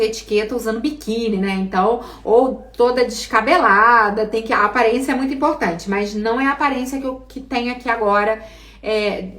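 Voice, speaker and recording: A woman with a Brazilian Portuguese accent teaching speaking skills in a live online class, lively and asking the class questions. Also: fairly high pitch, distant mic. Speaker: speaking coach. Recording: roomy, from off the mic.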